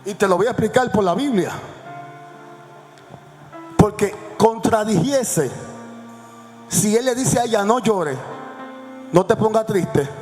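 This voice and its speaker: A male pastor preaching a sermon, swinging between hushed lines and shouts and calling the congregation to repeat after him. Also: sits high. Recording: echoey hall with faint music.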